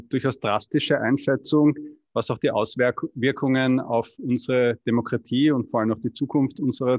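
A man's voice: medium pitch, a little mellow, no room sound. A man moderating a press conference, politely introducing the speakers in a formal manner.

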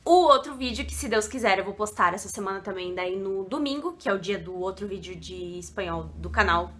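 A woman's voice: medium pitch, animated, brisk, fairly bright tone, slight background noise. A woman from Brazil, teaching in a casual, chatty video lesson full of asides. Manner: chatty and digressive, with frequent asides. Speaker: online Spanish teacher.

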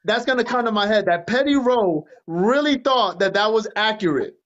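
A high-voiced man with a New Jersey accent rants casually on a livestream. He is emphatic and likes to repeat his points. The phone audio is slightly dull and lo-fi. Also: expressive, moderate pace, fairly bright tone. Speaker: livestream host. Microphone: phone at arm's length.

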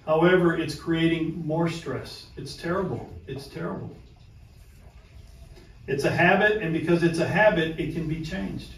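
Man, higher voice, emphatic lesson, repeats points, distant mic, very echoey room. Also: fairly even intonation, normal speed, few pauses, a bit bright. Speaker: presenter. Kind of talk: faith-based self-help lesson. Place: room with a small live audience. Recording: echoey room from far off, faint noise.

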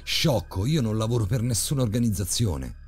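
A man's voice: low voice, big pitch swings, brisk, dark tone, husky, full character voice. A man voicing a middle-aged male child killer who taunts in a sickly sweet, mocking way.

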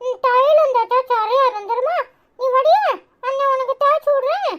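A woman's voice: very high-pitched, normal speed, muffled recording. Woman doing a caring cartoon big brother. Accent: Tirunelveli Tamil. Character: caring older brother Arun, a boy. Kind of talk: cartoon comedy voice acting.

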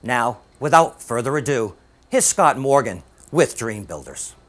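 A man's voice: medium pitch, sing-song, measured pace, a bit bright. A man announcing a television segment in a plain, formal read. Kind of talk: scripted introduction.

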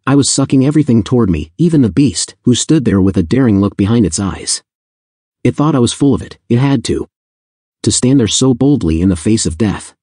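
Man, audiobook narrator, dark mellow voice, dry close sound, blunt intense delivery. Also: medium pitch, lively intonation, brisk, breathy edge, no room sound. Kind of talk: scripted first-person audiobook narration.

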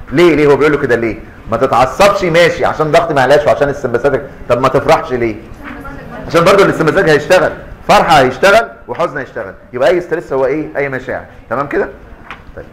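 In a lecture hall, a man with an Egyptian Arabic accent gives students a lively physiology lecture, quizzing them and acting out little scenes. His voice is a little high, and the audio quality is poor.

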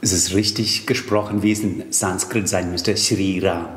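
A yoga teacher and Sanskrit scholar from Tamil Nadu, India, answers interview questions about yoga texts in German with a Tamil accent, thoughtful and hesitant, using fillers. His low voice is steady and a bit bright at a moderate pace, with a reverberant sound.

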